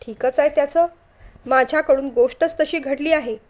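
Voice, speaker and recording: A woman voicing a gentle, ailing older man who speaks softly with regret, in a storybook reading. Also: high voice, moderate pace, natural voice. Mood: regretful. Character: older ill man, loyal and gentle, coughing.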